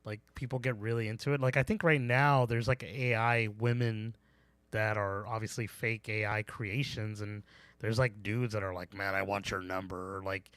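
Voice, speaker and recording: A man's voice: fairly low pitch, steady tone, normal speed, fairly bright tone, clear, resonant tone, no room sound. A man co-hosting a casual movie podcast, joking around, laughing often and restarting his sentences. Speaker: podcast co-host. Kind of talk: casual chat.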